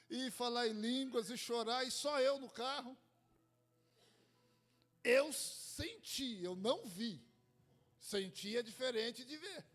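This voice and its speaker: A man from Brazil, a pastor, preaching a sermon and telling a personal testimony, repeating phrases for emphasis. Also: sits high.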